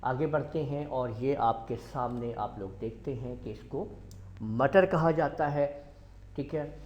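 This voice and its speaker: A man with a Pakistani accent teaching a slow classroom lecture, repeating each word several times and spelling it out letter by letter. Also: medium pitch, dark tone. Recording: echoey room, dull lo-fi sound.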